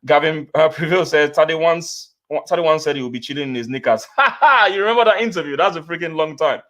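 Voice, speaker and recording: A man's voice: on the high side, fast, a bit bright. A man from Nigeria hosting a casual football reaction live stream, reading out viewer comments and repeating himself as he goes. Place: home studio, remote guests on call.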